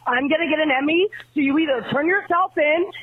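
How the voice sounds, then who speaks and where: A high-voiced woman rants into a voicemail. She is angry and threatening and swears as she goes. The sound is narrow and tinny, as on a telephone. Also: brisk. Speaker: television news anchor. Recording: tinny phone voicemail line.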